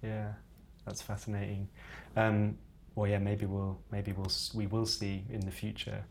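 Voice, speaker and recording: Male interviewer, fairly low pitch, casual conversational delivery, slight background ambience. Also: monotone, measured pace, gravelly, a little hiss or hum.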